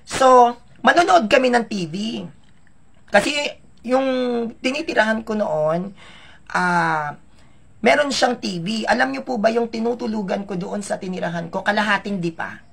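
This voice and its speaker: Gravelly-voiced man telling his story. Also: sits high, measured pace, fairly bright tone. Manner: chatty, emotional, addresses viewers directly. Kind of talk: casual personal storytelling.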